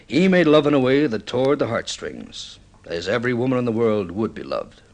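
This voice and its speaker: A male actor voices a middle-aged film director, intense and mournfully insistent, with a theatrical, deliberate delivery like vintage radio drama. His medium-pitched voice is very animated and darkish in tone, and the mood is solemn and intent.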